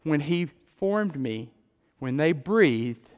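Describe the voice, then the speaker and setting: A man with a Texan accent giving an earnest sermon-style testimony, repeating words and building to loud emphatic peaks. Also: fairly high pitch, expressive, slow pace, clean tone. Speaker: lay preacher. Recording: long hall reverb.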